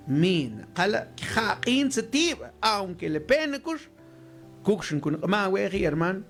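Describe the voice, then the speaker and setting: Slow and exhortative, a male Mam preacher delivers a scripture sermon that switches between a Mayan language and Spanish. Music plays underneath as his pitch swings lively while he addresses the congregation.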